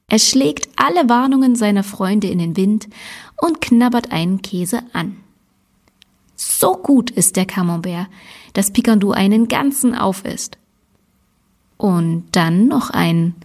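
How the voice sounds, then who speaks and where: A woman presenter retells a children's book plot. Her voice has a husky edge. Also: medium pitch, darkish tone. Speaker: library presenter. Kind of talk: retelling a story.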